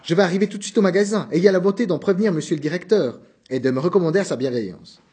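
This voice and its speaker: A man's voice: high-pitched, very animated, fairly quick, a little mellow, slightly rough, full character voice. A man reading aloud, voicing a flustered young salesman who pleads and apologizes in a rush. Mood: pleading.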